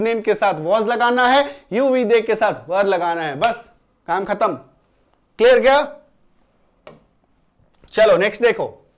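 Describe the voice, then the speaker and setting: A male English grammar teacher explaining rules in a Hindi-medium lesson, repeating each point and often checking that students follow. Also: high-pitched. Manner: reassuring, plain explanations.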